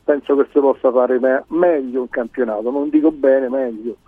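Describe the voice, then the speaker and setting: A man calling in to a sports radio show, speaking casually and haltingly as he searches for words. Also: medium pitch, husky, no echo. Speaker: phone-in caller. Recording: dry narrow phone line, music behind.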